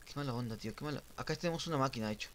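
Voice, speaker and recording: A young man streaming a game, giving casual live commentary that swings from muttering to sudden shouts and sing-song teasing. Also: mid-range voice, racing, a little hiss or hum. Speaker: gaming streamer.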